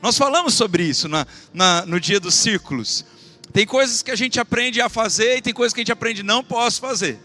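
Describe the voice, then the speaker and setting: A man preaching a fervent sermon as pastor of his church, swinging between loud exclamations and quiet asides and calling out questions to the congregation. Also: high voice, lively intonation, brisk, faint music behind. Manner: asks the congregation for call-and-response.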